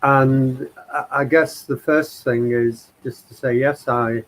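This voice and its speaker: Slow thoughtful man from Liverpool. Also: medium pitch, steady tone, low-quality recording. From England, Liverpool. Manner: slow, thoughtful, many pauses and ums. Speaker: guest speaker. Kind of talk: personal life story.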